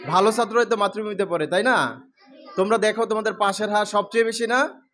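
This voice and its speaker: A man teaching English letter sounds to a classroom of children, coaxing them to repeat after him loudly. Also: high voice, fast. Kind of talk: classroom phonics drill with call and response. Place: school classroom full of children. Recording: loud noisy classroom crowd. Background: crowd of children chanting loudly.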